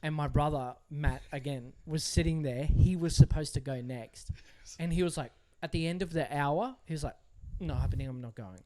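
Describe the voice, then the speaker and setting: A man's voice: a little high, moderate pace, hardly any pauses, darkish tone. A young Australian man co-hosting a podcast, telling stories in a laid-back, casual chat. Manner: storytelling, laid-back, says "bro" and "man". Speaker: podcast co-host.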